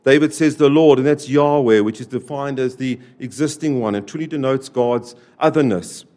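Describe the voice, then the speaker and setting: A man speaking at normal speed preaches to his church congregation in a mid-range voice. His delivery swings from loud, stressed lines to quiet, fading endings, and he keeps repeating key phrases.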